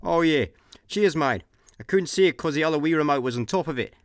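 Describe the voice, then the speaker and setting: A young Scottish man plays an idle, agreeable, mildly eager space slacker in a comic radio play, chatting casually in a musing, laid-back mood. His voice is fairly high and brisk, close to everyday speech, recorded in a dry studio with no echo and faint music behind.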